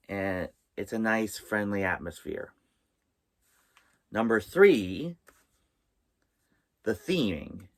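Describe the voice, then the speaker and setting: A man with a low voice hosts his own vlog inside a small trailer. He talks slowly and haltingly, often pausing partway through a sentence as he presents his list. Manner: halting, with pauses mid-sentence. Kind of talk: vlog presenting, tips and top-five countdown.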